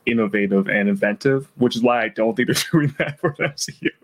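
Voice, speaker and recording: Man, podcast co-host, enthusiastic, casual chat, average pitch. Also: fast.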